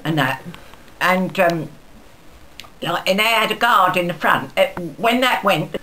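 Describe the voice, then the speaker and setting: A woman's voice: on the low side, lively intonation, measured pace, bright, forceful tone, a little hiss or hum. A woman of ninety-eight tells stories of her past in a chatty, rambling way, acting out bits of dialogue. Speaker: interviewee recalling her wartime life. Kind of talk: casual spoken reminiscence. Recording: busy background chatter around the voice.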